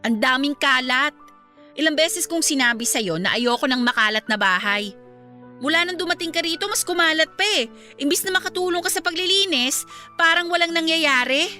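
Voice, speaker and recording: A woman's voice: high voice, lively intonation, normal speed, bright, forceful tone, faint music behind. A woman playing a cruel, haughty employer who scolds with contempt in a radio drama. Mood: scornful.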